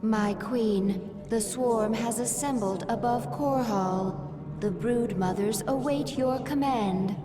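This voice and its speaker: An actress voicing a formal, obedient female alien servant of a swarm in a video game, reporting in measured phrases. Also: on the high side. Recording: distant reverberant game audio over music.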